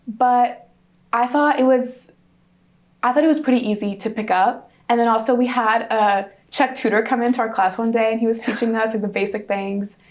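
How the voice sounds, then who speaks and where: A student in her twenties, a native Hungarian speaker, answers interview questions in a chatty, upbeat way with frequent restarts. Her voice is a little high, with a steady tone and a moderate pace.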